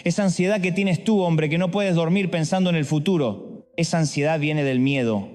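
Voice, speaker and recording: High-voiced preacher in a reverberant hall. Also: male voice, moderate pace. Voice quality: rhetorical questions, swings between loud and hushed. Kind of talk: sermon.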